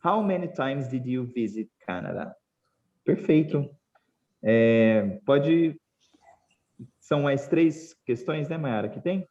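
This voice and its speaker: Male Brazilian teacher, online class, slow and even, muffled lo-fi call audio. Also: mid-range voice. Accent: Brazilian Portuguese. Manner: patient, spells out examples slowly. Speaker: English teacher.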